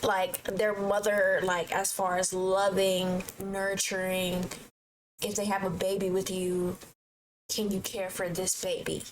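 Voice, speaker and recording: An opinionated woman reacts to a clip in loose, casual chat. Her voice sits at an ordinary middle pitch. A faint noise runs underneath the recording. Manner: chatty, opinionated, talks back at the screen. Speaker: reaction video host.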